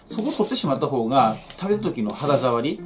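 A medium-pitched, very animated man talks at a quick pace, giving a casual, folksy how-to explanation as a home vegetable grower working with his hands. He's in a small, cluttered indoor shed or workroom, with plucked guitar music and slight background noise.

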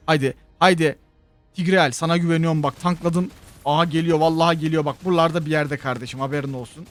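A young man with a fairly high voice talks his way through a mobile game, chatty and excitable. He keeps up a running commentary and often breaks into repeated chants and cheers at the screen. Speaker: gaming YouTuber. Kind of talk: live gameplay commentary.

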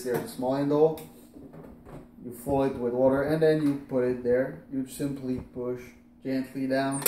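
A man in his thirties with a mellow, medium-pitched voice chats through a casual how-to demo in his home kitchen at night, moving about as he works. He hesitates, using fillers and restarts, and a camera on the counter picks him up from a distance, with echo and faint room noise.

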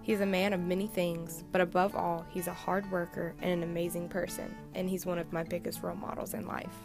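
A woman's voice: on the low side, little pitch movement, fairly quick, music in the background. A young woman reading a scripted, fond narration about her grandfather.

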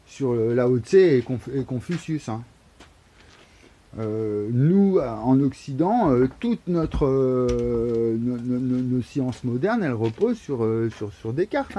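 A vlogger with a mellow, medium-pitched voice rambles to a phone camera held low at arm's length inside a wooden shed or barn. He repeats words and piles on fillers, broken by sudden emphatic bursts.

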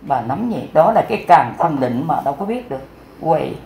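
A man's voice: on the high side, sing-song, fairly quick, creaky, roomy sound, phone-quality sound, slight background noise. A man with a Southern Vietnamese accent giving a folksy, improvised storytelling sermon as a Buddhist teacher, repeating words and acting out the dialogue.

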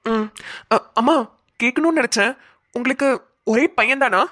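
A woman's voice: a little high, normal speed, a bit bright. A woman voicing a poor, polite young man in a homemade cartoon. He speaks humbly and deferentially. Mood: shy.

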